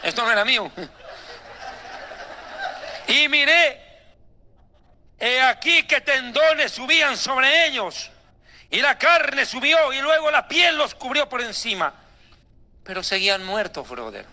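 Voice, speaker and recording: A male preacher delivers a dramatic, sarcastic sermon. His voice sits high and rings with a very bright, forceful edge. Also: animated, slow pace, long pauses.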